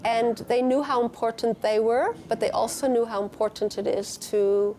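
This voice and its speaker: An older woman talking about her life in an interview, reflective and unhurried. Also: fairly high pitch, fairly even intonation, dark tone. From United States. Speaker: teacher and community leader.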